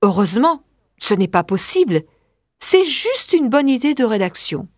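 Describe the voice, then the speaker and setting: A woman's voice: a little high, sing-song, moderate pace, darkish tone, no echo, clean studio sound. A woman reading the lines of a shy fifteen-year-old girl who stammers when she is scared. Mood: thoughtful. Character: timid fifteen-year-old schoolgirl with a big imagination.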